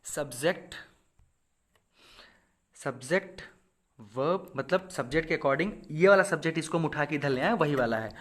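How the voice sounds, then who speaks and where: A man from India teaching English grammar to viewers, asking questions and answering them himself, reading example sentences out slowly. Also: on the high side. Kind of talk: explaining grammar rules to viewers.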